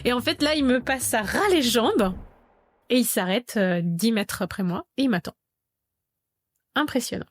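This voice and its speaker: A woman's voice: fairly high pitch, animated, moderate pace, pauses often, no echo. A woman in her thirties, a podcast guest telling a personal story and vividly acting out remembered dialogue. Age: 30s. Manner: vivid narrator who acts out remembered dialogue.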